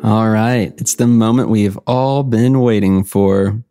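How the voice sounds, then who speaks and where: A man's voice: fairly low pitch, steady tone, measured pace. A man hosting a podcast in a playful, conversational, casual way. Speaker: podcast host. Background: acoustic guitar music.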